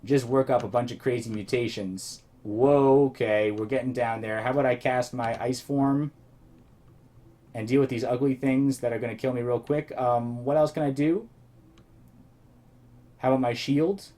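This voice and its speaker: A man's voice: mid-range voice, fairly even intonation, normal speed, mellow. Rambling man narrating his gameplay. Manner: thinking aloud, rambling with restarts. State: slightly losing his voice. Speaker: let's play host. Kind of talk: casual gameplay commentary.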